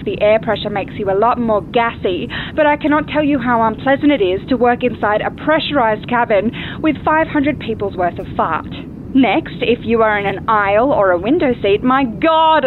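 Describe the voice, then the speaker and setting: Woman acting tinny-intercom flight attendant, blunt and fed-up. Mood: exasperated. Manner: flight attendant announcement delivery, politely formal yet blunt. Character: blunt, fed-up female flight attendant making cabin announcement. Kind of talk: scripted comedy sketch. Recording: tinny intercom sound, loud cabin rumble.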